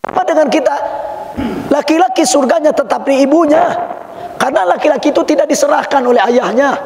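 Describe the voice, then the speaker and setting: A man preaching to a crowd, joking and acting out household scenes with big pitch swings. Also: fairly quick, gravelly, darkish tone. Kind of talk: sermon. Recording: echoey hall with faint noise.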